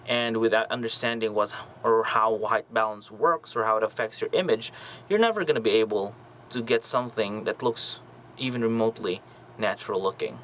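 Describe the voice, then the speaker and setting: A man's voice: fairly low pitch, a little fast, fairly bright tone, slight background noise, low-quality recording. A young man hosting a casual photography tutorial, explaining camera settings and checking in often with the viewer. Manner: friendly, checks in with "okay?". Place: small home studio with lights.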